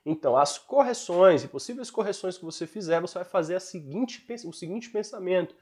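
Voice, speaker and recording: A man's voice: high voice, lively intonation, a little fast, a little mellow. A man with a Brazilian Portuguese accent teaches an online English lesson in an encouraging, explanatory way.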